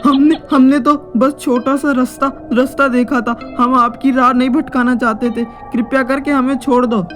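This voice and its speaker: A woman's voice: high-pitched, steady tone, moderate pace, over music, natural voice. A woman voicing a terrified young man lost in a haunted forest, who stammers in panic.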